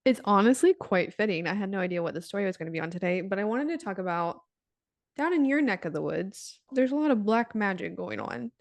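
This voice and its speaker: A woman's voice: medium pitch, animated, brisk, creaky, no room sound. Woman telling a story on a dry mic. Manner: conversational storytelling. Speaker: podcast co-host. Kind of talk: casual true-crime podcast chat.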